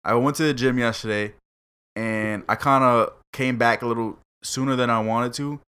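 A man's voice: medium pitch, fairly even intonation, moderate pace, pushed and bright, clean tone. A man from New York hosting his own podcast, laid-back and dismissive as he chats and laughs along with a friend. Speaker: podcast host. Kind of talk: casual chat.

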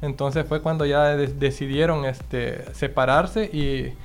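A man, a foundation representative explaining its history in a halting radio interview style. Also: mid-range voice, fairly even intonation, soft background music. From El Salvador. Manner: halting, repeats words.

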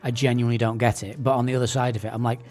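A man's voice: medium pitch, level tone, racing, a little mellow, faint music behind. A man hosting a homemade radio show, talking things through in a thoughtful, hesitant way and repeating words as he searches for a position. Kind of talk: casual discussion.

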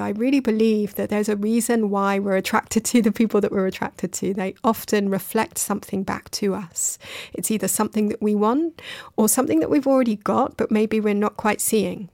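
A woman with a gravelly, fry-tinged voice talks alone into a dry, close mic as a podcast host. She is reflective and earnest, speaks affectionately to her listeners, and sounds a little emotional. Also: mid-range voice, a little mellow, dry recording. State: emotional, recently crying. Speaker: podcast host and creative coach. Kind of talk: casual solo podcast monologue.

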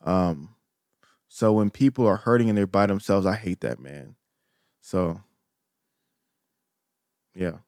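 A man's voice: low-pitched, animated, slow, pauses often, a little mellow, dry recording, clean studio sound. Earnest, emphatic man on a podcast. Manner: earnest, emphatic, repeats phrases for weight. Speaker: podcast co-host. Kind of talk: casual podcast talk.

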